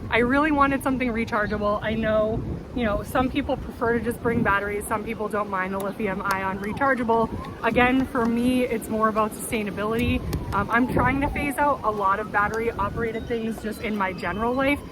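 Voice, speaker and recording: A woman with a fairly high voice chats casually to the camera like a gear vlogger. She sounds upbeat and keen. She is recorded outside in a city backyard, with clear wind and traffic noise around her. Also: fairly even intonation, a little fast. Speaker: vlogger presenting hiking gear. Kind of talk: casual chatty gear talk to viewers. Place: outdoors in a windy city backyard. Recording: noisy outdoor city ambience, wind and traffic. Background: wind, vehicles, urban outdoor noise.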